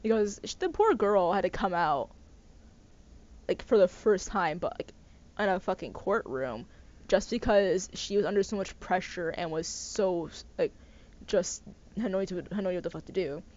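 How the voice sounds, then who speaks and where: A woman's voice: on the low side, expressive, normal speed, a little mellow. A young woman ranting casually as host, swearing often and rambling with restarts and stumbles. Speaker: podcast host. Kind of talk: casual rant. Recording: slightly dull lo-fi sound with faint noise.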